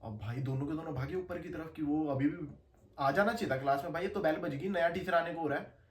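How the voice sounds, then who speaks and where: Animated young man telling a story. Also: a little high, quick pace, distant mic. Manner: animated, slangy, laughs through the telling. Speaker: podcast guest storyteller. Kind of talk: casual storytelling chat. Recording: echoey room, faint ambience.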